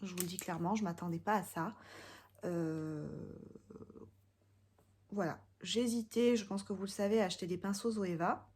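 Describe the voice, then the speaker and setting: A woman's voice: fairly low pitch, steady tone, moderate pace, pauses often, darkish tone, breathy edge. A young woman from France giving a casual makeup product review, chatty and hesitant with frequent fillers. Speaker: beauty vlogger.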